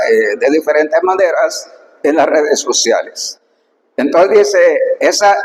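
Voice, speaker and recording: A man with a fairly high voice teaches slowly and patiently, repeating each sound and stressing what matters. His voice rings in an echoey room with a long reverb tail. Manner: slow, repeats words and stresses key points. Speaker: Biblical Greek teacher. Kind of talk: recorded lesson explaining slides.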